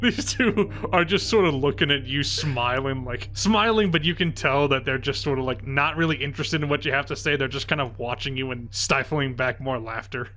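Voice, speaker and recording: A man's voice: medium pitch, fairly quick, few pauses, bright, forceful tone, faint music behind. A man working as game master, improvising narration for a tabletop role-playing game.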